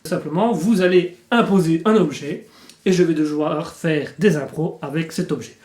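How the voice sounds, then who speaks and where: A man's voice: fairly high pitch, moderate pace, a little mellow, roomy sound. A man hosting his improv channel, explaining it in a rambling, self-mocking, playful way. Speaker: channel host. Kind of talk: comic improv vlog. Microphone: facing the camera.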